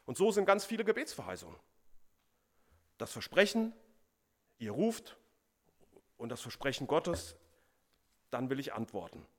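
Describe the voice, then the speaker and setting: A man's voice: mid-range voice, wildly swooping pitch, unhurried, pauses often. A man preaching a sermon as pastor, stressing and repeating key words for emphasis.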